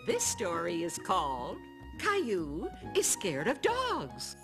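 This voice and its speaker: A woman narrating a children's cartoon story in an expressive storytelling manner. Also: lowish voice, slow pace. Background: music.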